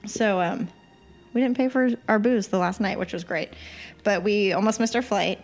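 A woman's voice: mid-range voice, moderate pace, faint music behind. A woman co-hosting a podcast, telling a story in casual chat and acting out the people in it. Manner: animated storyteller who acts out quoted people. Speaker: podcast co-host.

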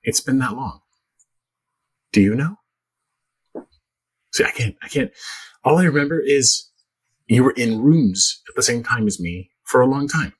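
A man's voice: medium pitch, expressive, unhurried, long pauses, husky. A man hosting a podcast, chatting casually in a rambling, bantering way. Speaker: podcast host. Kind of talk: casual chat interview.

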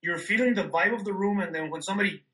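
A man with a fairly high, bright, forward voice co-hosting a podcast over a remote call. He rambles in a laid-back way, full of loose fillers. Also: fast talker, rough recording. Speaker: podcast co-host. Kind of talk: casual chat. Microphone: remote call microphone.

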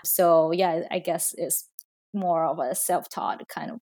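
Relaxed woman from Thailand, low voice. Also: slow. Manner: thoughtful, relaxed, with fillers like "you know" and "like". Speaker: podcast guest, fashion brand founder. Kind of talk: casual interview conversation.

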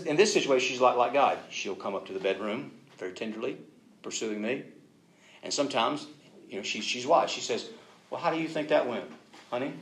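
A man in his forties preaching a sermon, telling self-mocking stories with loud, animated bursts of emphasis. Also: medium pitch, poor audio. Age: 40s.

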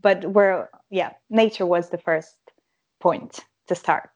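A woman's voice: fairly low pitch, slow, dull audio. Giggly young Croatian-born woman. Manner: giggly, chatty, many "like" fillers. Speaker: guest. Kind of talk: casual podcast interview.

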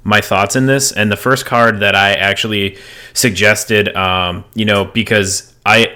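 A man chatting casually on a podcast about card game decks, relaxed, with lots of fillers and restarts. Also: fairly low pitch, unhurried. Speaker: podcast co-host.

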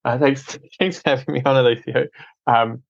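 An Australian man from Adelaide, head of a film company, speaks earnestly as a guest in a casual podcast interview, often repeating words as he restarts. His medium-pitched voice is steady, moderately paced and has vocal fry, and the recording is muffled with no echo.

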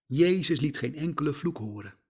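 A man preaching a sermon, slow and emphatic, putting rhetorical questions straight to the listener. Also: on the high side, lively intonation, a little mellow, husky.

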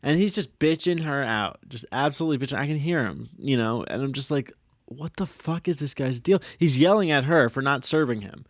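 A man's voice: mid-range voice, fairly quick, dry recording, clean studio sound. A man co-hosting a podcast, casually telling a story, swearing freely and acting out what people said. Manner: animated, swears freely, acts out quotes. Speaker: podcast co-host.

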